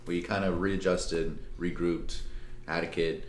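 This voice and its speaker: A young man from Colombia co-hosting a casual podcast, halting and repeating words, joking around. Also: sits low, level tone. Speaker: podcast co-host. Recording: echoey room, faint background noise.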